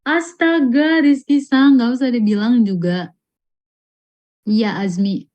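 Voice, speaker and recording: A woman teaching a live online Japanese class, reading out student answers and stretching example words out slowly and patiently. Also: a little high, darkish tone. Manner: slow, patient, drawn-out pronunciation of example words.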